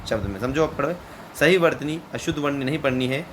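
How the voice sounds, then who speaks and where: A man teaching a spelling lesson, repeating each word slowly twice in a steady drilling manner. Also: medium pitch, slight background noise. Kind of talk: exam-prep spelling lesson.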